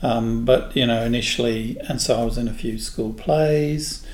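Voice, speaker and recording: A man in his sixties from England, a guest in an interview, telling unhurried stories about his past. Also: medium pitch, a little mellow. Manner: unhurried, anecdotal storyteller. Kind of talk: reminiscing in a casual interview. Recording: echoey room with faint noise.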